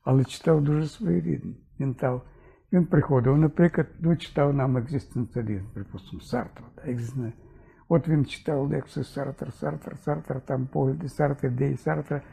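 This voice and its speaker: Gravelly, husky older man lecturing. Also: mid-range voice, normal speed, mellow. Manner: thoughtful, fond of asides and 'да?' checks. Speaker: philosophy lecturer. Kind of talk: conversational discussion.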